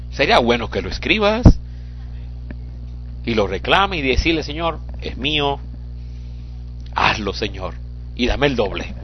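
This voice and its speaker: Fiery preacher man, shouting then hushed. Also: muffled recording. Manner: shouts in bursts, then drops low and quiet; emotional, admits getting carried away. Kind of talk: impassioned sermon.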